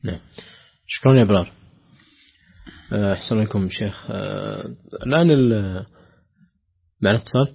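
A man's voice: lowish voice, moderate pace, creaky, pauses often, breathy edge, dull audio. A man hosting a call-in recitation lesson, speaking briefly and courteously as he introduces callers. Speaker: call-in program host.

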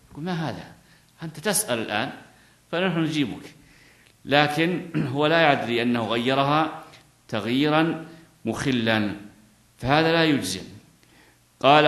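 Male scholar, middle-aged, mid-pitched, reads passages then quizzes his class, roomy echo. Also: a bit bright. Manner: reads quotes from the book, then explains with questions to students. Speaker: Islamic scholar teaching a fiqh text. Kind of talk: classroom lecture explaining a text. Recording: echoey room.

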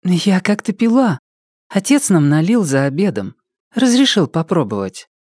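A timid young girl from an audiobook, voiced by a male reader. Her voice sits high and swoops widely. The sound is dry and close. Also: sing-song, normal speed, darkish tone, no room sound. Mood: shy. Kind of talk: audiobook character voice.

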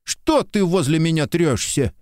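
A man voicing an irritable, sharp-tongued soldier who scolds curtly and sarcastically in an audiobook. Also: on the high side, expressive, a little slow, dry recording, studio quality, voice pushed up. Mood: scolding. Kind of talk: audiobook character reading.

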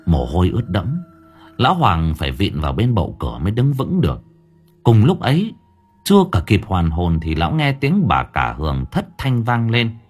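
A man narrating a horror story in a dramatic, expressive way. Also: lowish voice, normal speed, slightly rough. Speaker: audiobook narrator. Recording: faint background music.

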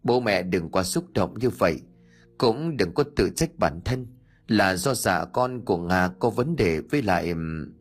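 A man's voice: deep voice, expressive, unhurried, breathy edge, faint music behind, full character voice. A man voicing a naive young husband who speaks in a soothing, choked-up way, in an audio story. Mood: soothing grief.

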